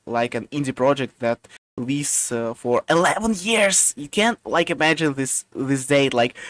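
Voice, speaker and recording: Halting man with a smooth voice. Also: medium pitch, fairly bright tone, no room sound. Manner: halting, many fillers and restarts. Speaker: podcast co-host. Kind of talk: casual chat.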